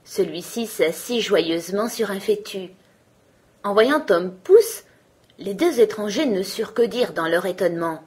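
A woman storyteller reading a fairy tale aloud in a gentle, measured way. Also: medium pitch, lively intonation, breathy edge.

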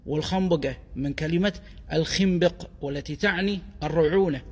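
Kuwaiti Gulf Arabic man, reverberant and raspy. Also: fairly high pitch. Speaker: explainer of dialect words. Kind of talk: explanatory monologue on word origins. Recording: long reverberant echo.

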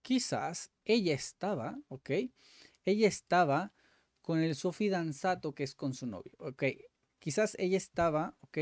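Male host, casual think-aloud, self-correcting, dry close mic, lively pitch. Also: unhurried, no echo. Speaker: language-learning video host. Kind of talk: casual commentary while doing language exercises.

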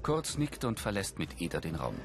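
Loud music plays as a man with a low-pitched voice narrates film scenes from a script. His audio description is factual and present-tense, delivered at a moderate pace with wide pitch movement.

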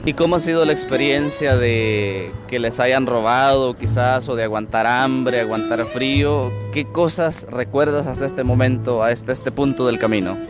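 Calm young priest interviewing outdoors. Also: male voice, mid-range voice, normal speed, hardly any pauses, music in the background. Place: outdoors on a city street under trees. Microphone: lapel mic.

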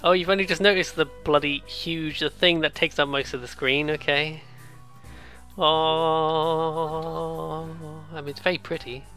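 A let's player gives casual commentary over music in a bright, forceful voice of middling pitch. He rambles excitably, drifting between reading game text aloud and jokey asides, speaking a little slowly with frequent pauses.

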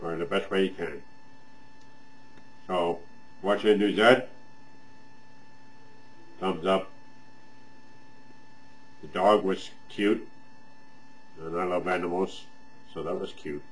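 A man's voice: sits low, steady tone, slow, pauses often. Man talking around a pipe in his mouth. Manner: rambling, friendly, repeats himself. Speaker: vlogger reviewing other channels' videos. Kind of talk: casual weekly review vlog.

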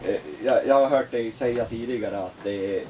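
A man's voice: mid-range voice, warm tone, far from the mic, slight background noise. A male interviewer who asks questions hesitantly and restarts his sentences often. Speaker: interviewer, soon a teacher. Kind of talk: interview conversation.

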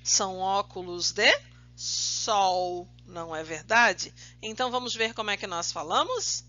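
A woman teaching children English in a recorded remote lesson, drilling each word slowly and praising them often. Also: mid-range voice, sharp tone, dull audio. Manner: slow, drawn-out drilling of words, praising often. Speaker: primary school English teacher.

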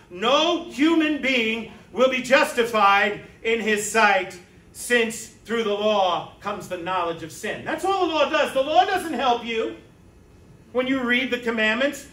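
Preaching to his congregation, a pastor's high, ringing, bright voice fills the church sanctuary as he chats through his sermon with rhetorical asides and "right?" check-ins. Because he is away from the mic, the recording carries a distant, roomy echo.

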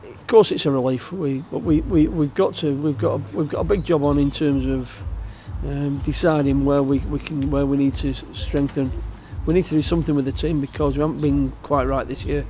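Older male football manager, post-match chat; warm, slightly high voice, halting delivery. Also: steady tone, a little hiss or hum. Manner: halting, repeats words, plain-spoken. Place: empty outdoor stadium stand.

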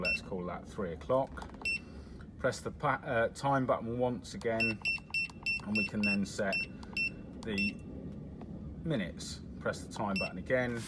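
In this hands-on walkthrough, a fairly low-pitched man presses the buttons on a demo unit at an indoor table, plainly explaining each control in turn. His tone is matter-of-fact, and there's noticeable noise behind him.

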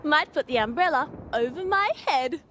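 A woman's voice: high voice, animated, moderate pace, fairly bright tone, a little hiss or hum. A young woman presenting a children's television show in a playful, exaggerated way. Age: young adult. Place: TV studio set. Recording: children's music under voice.

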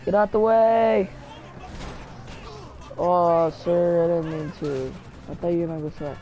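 Slow-talking gamer chatting over gameplay. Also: mid-range voice, steady tone, lo-fi sound, faint music behind. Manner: chatty, talks back to game characters. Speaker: gamer narrating own play. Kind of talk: casual gameplay commentary.

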